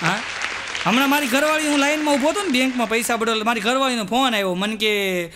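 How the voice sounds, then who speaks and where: A man performing stand-up comedy, telling jokes and sometimes singing verses slowly. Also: very high voice, a crowd in the background. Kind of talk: live Gujarati comedy show with jokes and sung verses. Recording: live stage recording with audience and noise.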